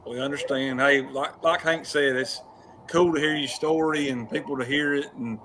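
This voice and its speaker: A man's voice: medium pitch, fairly even intonation, normal speed, background noise. A man, co-hosting a talk show, telling stories in a casual way and laughing as he goes. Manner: laughs through his stories. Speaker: show co-host. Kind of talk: casual chat.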